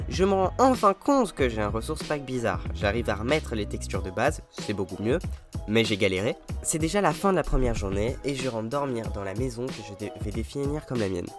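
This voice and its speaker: A young man narrating his own gameplay in an upbeat, self-mocking voice-over. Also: mid-range voice. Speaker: gaming YouTuber. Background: game music.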